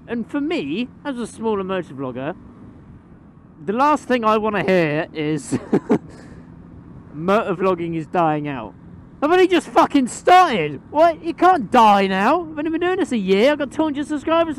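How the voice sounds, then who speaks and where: A man's voice: high voice, very animated, unhurried. Young guy vlogging from a motorbike. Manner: chatty, swears casually, rambling with fillers. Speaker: motovlogger. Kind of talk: casual vlog while riding. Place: riding a motorbike at night on city roads. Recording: road and engine noise behind.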